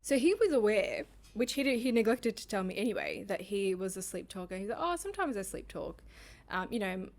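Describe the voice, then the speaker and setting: A woman's voice: mid-range voice, brisk, few pauses, darkish tone. A woman co-hosting a podcast, telling a personal story in casual chat and laughing often. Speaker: podcast co-host.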